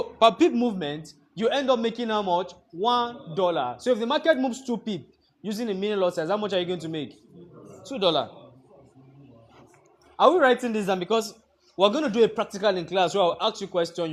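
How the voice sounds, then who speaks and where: A man's voice: sits high, animated, fairly quick. A man teaching a trading class, lecturing in a classroom and constantly quizzing students with fill-in-the-blank questions. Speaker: trading instructor.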